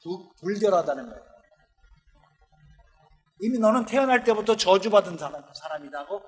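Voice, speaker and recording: A man preaching a sermon as a pastor, telling the story with lively acted-out lines from the characters. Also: sits high, moderate pace. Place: church sanctuary. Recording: long church hall reverb.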